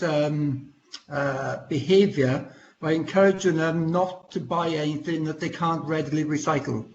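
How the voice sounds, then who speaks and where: A man answering a question in an online council meeting, halting and full of ums, his video call audio glitching and breaking up. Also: a little high. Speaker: council deputy leader. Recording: muffled call audio with faint hiss.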